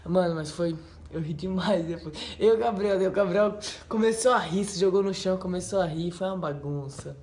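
A man's voice: sits high, fairly quick, slight background noise. A man telling funny personal stories in a casual, rambling vlog at home, full of fillers. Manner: excitable, rambling, full of "tipo assim" and "né". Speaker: channel host. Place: at home by a wall indoors.

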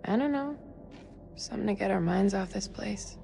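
A woman's voice: medium pitch, animated, normal speed, creaky, warm tone, slight background noise. An actress playing an injured, weary, bitterly sarcastic female scientist in a cinematic horror game. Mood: wearily sarcastic. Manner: sardonic, weary. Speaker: video game character actor.

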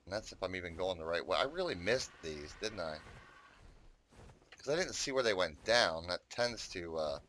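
Bright, chatty gamer guy. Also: low voice, expressive, moderate pace, a little hiss or hum. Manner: chatty, rambling, swears, talks to viewers. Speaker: gaming YouTuber. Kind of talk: casual gameplay commentary.

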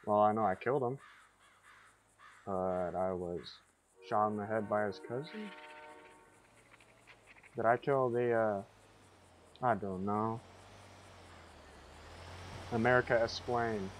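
Brief: low-voiced man narrating his own game, rambling and puzzled, faint background hiss. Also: slow, pauses often. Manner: rambling, confused asides to himself. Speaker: gamer. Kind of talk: gameplay commentary.

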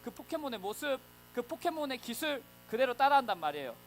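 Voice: high voice, sing-song, fast, a little hiss or hum, poor audio. A preacher giving a children's Sunday sermon, storytelling animatedly and acting out voices.

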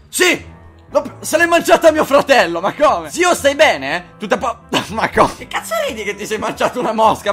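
A man's voice: sits high, a bit bright. A man doing let's-play commentary, joking crudely, swearing often and talking straight to his viewers. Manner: talks to viewers directly. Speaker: gaming video host.

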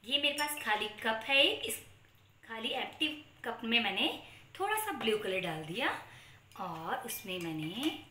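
An Indian-accented woman speaks to young children as their kindergarten teacher. Her voice is high and bright, with big swoops in a sing-song, questioning manner and a playful touch of kids' magician patter. It is recorded in an echoey small room. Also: very animated, unhurried, a little hiss or hum. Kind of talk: children's lesson presented to camera. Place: small room at home, indoors.

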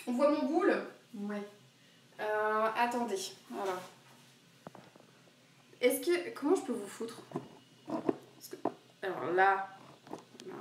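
A woman's voice: medium pitch, expressive, slow pace, long pauses, slight background noise. A young woman chatting casually and giggling as she cooks live in her home kitchen, rambling through asides, picked up by a camera set across the room. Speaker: streamer cooking live. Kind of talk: casual live-stream chat while cooking. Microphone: camera on a wobbly tripod across the kitchen. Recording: very echoey kitchen, voice far from the mic.

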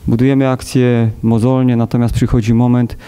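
Male coach in his thirties, very dark voice, hesitant, measured, many fillers, press conference table mic. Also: mid-range voice, flat delivery, clean tone. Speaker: football coach. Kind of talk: post-match press conference. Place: press conference room with sponsor wall.

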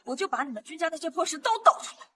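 A defiant, assertive young wife out for revenge. Her voice is high and bright, with lively melodic swings, in the style of short melodrama. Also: very fast, slight background noise, full character voice. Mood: cold defiance. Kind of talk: melodramatic short-drama acting.

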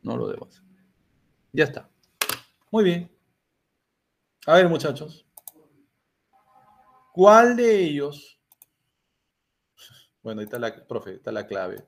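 A man's voice: on the high side, sing-song, slow, vocal fry, long pauses. An older man with a Peruvian Spanish accent teaching a chemistry class, asking students questions and answering them himself. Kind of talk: classroom lecture.

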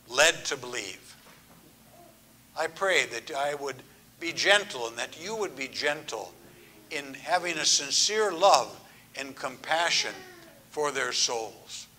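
An older man, a grandfather, preaching a sermon in an earnest, measured way, letting phrases trail off softly. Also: on the high side, a little hiss or hum. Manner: earnest, measured, drawn-out phrasing with soft, hushed endings. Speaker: pastor. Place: church.

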